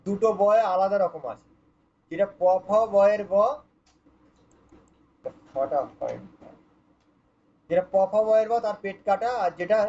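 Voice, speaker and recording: A man's voice: high-pitched, a little mellow, muffled recording, slight background noise. A man teaching pronunciation for scripture recitation, patiently demonstrating and repeating each sound for his students. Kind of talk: online pronunciation lesson.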